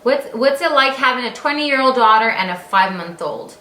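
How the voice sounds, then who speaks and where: A woman's voice: on the high side, animated, a little fast, bright, forceful tone. A woman in her late thirties chatting casually as a vlogger, rambling with lots of fillers and restarts. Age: 30s. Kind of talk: casual story-time chat. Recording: roomy echo.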